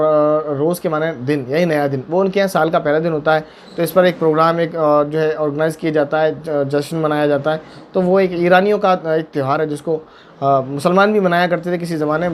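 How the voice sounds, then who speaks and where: A man's voice: a little high, slight background noise. A man, a mufti, answering viewer questions on religious matters, emphatic and repetitive, with pointed rhetorical questions. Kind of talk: religious Q&A talk.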